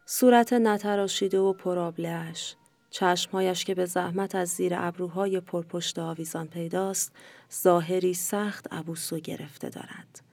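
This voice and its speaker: A woman narrates a short story in a calm, measured storytelling style. Her voice is low and mellow, and it is recorded close and dry. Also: vocal fry, no echo. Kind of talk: scripted narration.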